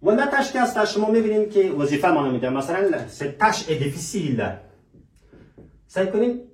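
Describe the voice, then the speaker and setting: A man teaching a French lesson. He asks rhetorical questions, answers them himself, and says example phrases slowly. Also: high voice, lively intonation. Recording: echoey room, mic at a distance.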